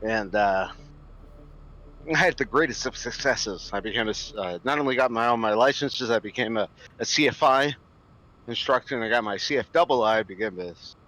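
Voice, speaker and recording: A man's voice: mid-range voice, moderate pace, sharp tone, poor audio. A man in his thirties ranting to his stream viewers in a preachy, profane and emphatic way. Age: 30s. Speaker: livestreamer. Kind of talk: impassioned rant to stream viewers.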